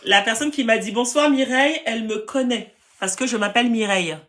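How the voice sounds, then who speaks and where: A woman's voice: a little high, fairly quick, fairly bright tone. Firm woman with a Parisian accent. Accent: Parisian French. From France. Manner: direct and firm, speaks to viewers. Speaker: land seller hosting a live stream. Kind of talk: live-stream chat answering viewer comments.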